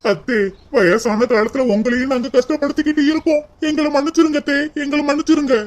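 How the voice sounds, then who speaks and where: Someone playing a quick-talking young husband. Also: mid-range voice, fairly even intonation, natural voice. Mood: apologetic. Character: young husband, earnest and apologetic. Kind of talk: cartoon voice acting.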